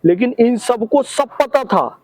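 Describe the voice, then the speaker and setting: A man's voice: extremely high pitch, lively intonation, slow, darkish tone, dry recording. A man being interviewed, arguing fervently and stacking up rhetorical lists and questions. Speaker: interview guest. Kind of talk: impassioned interview argument.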